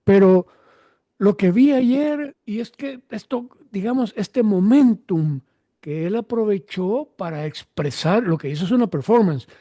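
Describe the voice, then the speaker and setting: A male interviewer with a high voice and a soft, dark tone chats casually with his guest. His sentences wander loosely as he thinks aloud. The sound is close and dry, with no room echo. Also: lively intonation, measured pace.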